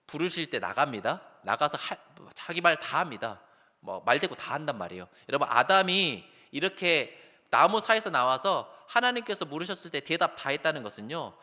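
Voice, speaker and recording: Man preaching in a big reverberant hall. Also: medium pitch. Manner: animated preaching, acts out calls in a raised voice, then drops soft. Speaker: pastor. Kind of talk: sermon. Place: church sanctuary.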